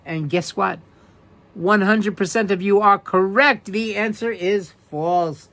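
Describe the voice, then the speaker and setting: A man's voice: sits high, takes it slowly, a bit bright. Chatty New York man hosting a livestream. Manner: chatty, reads trivia aloud and answers viewers by name. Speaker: livestream host. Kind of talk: casual live-stream trivia chat.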